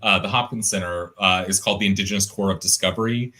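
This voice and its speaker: A young artist, the guest in a casual interview over a video call, talks fast with fairly even intonation. His deep, resonant voice, pitched a bit low, has a bright, forward edge. He rambles thoughtfully, restarting sentences and using plenty of fillers.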